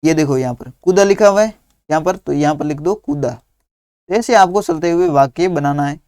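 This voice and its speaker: Slow, patient man dictating a lesson. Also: on the high side, darkish tone, no room sound, clean studio sound. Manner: slow, patient dictation, spelling out words one at a time. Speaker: teacher. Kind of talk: workbook lesson for young children.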